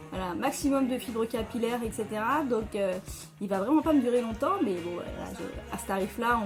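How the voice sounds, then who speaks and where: A woman chatting casually at home as she reviews hair products, with many fillers and restarts. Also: on the high side. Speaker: beauty vlogger.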